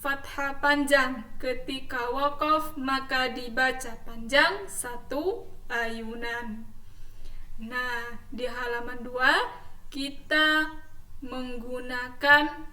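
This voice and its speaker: High, bright-voiced woman teaching recitation. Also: steady tone, very slow, long pauses, roomy sound, far from the mic. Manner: patient teacher, chants verses in melodic recitation then explains. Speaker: Quran teacher. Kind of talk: classroom recitation lesson.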